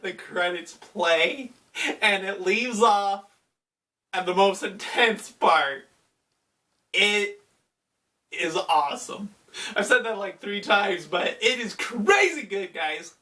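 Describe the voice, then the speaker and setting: Give me an enthusiastic man doing a slow, rambling anime recap, set back from the mic. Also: sits high, sharp tone. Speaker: anime YouTuber. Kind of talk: casual episode recap. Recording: voice distant from the mic.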